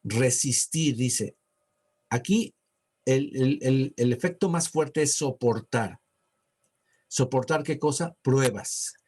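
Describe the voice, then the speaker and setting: Male pastor, husky mid-range voice, casual conversational sermon delivery. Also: medium pitch, darkish tone. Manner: conversational preaching, slows to read verses. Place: church.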